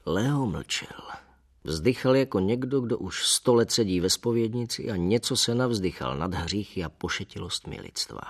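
A man narrating a novel in the first person, measured and wry with a bitter undertone. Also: lowish voice, expressive. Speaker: audiobook narrator.

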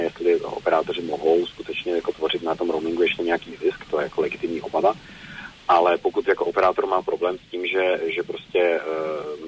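A man's voice: deep voice, slight background noise, low-quality recording. A man speaking as a telecom regulator in a news interview, explaining at length with many hesitations and fillers.

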